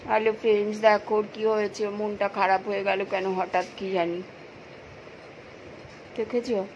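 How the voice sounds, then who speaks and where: A woman's voice: mid-range voice, flat delivery, normal speed, darkish tone, highs cut off, a little hiss or hum. A woman with a Bengali accent chatting to her pet dogs and her viewers in a coaxing, sing-song voice. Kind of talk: casual chat to pets and viewers.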